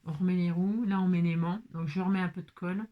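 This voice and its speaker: A woman's voice: lowish voice, level tone, fast talker, muffled recording. A woman vlogging casually as she assembles a craft kit, chatting to viewers, exclaiming and muttering to herself when pieces go wrong.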